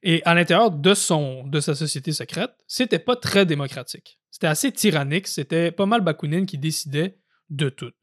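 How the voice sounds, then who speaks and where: A man with a Québécois French accent and a slightly high voice walks through history in a relaxed, conversational way. He thinks aloud as he talks, repeating words and dropping in fillers. It sounds like an audio-only podcast discussion. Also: brisk. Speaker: podcast co-host. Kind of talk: casual political history discussion.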